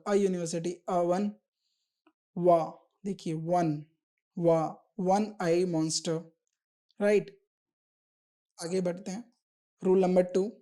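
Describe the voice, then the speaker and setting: Mellow-voiced woman teaching a grammar lesson. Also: medium pitch. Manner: patient, step-by-step, checks with "right?". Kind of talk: exam-prep grammar lesson.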